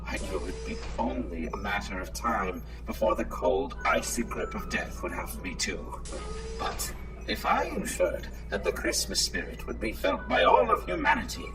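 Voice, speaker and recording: A man's voice: deep voice, sing-song, moderate pace. A man playing a menacing, pompous old half-mechanical Scrooge in an audio drama, with a theatrical, bombastic delivery. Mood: bitter, bombastic. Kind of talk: audio comedy drama acting. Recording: distant-sounding voice under loud music.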